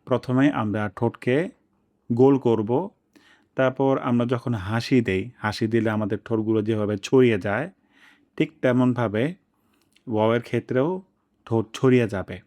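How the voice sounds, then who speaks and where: A man teaching the pronunciation of letters, explaining mouth positions and drawing each sound out slowly for students to copy. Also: mid-range voice, a little mellow. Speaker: Quran recitation teacher. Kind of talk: pronunciation lesson.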